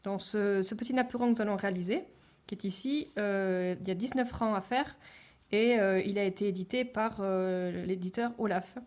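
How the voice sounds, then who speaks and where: A woman's voice: mid-range voice, moderate pace, darkish tone. A woman giving a step-by-step beading tutorial, talking hesitantly with many fillers and restarts, and dropping to a near whisper while she counts beads. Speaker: beading instructor.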